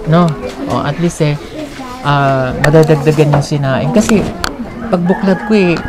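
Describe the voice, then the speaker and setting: Over loud background music, a Filipino woman talks to the camera in a relaxed chat as she distributes aid, coaxing people like a mother would and laughing readily. Her voice sits low and moves a little slowly.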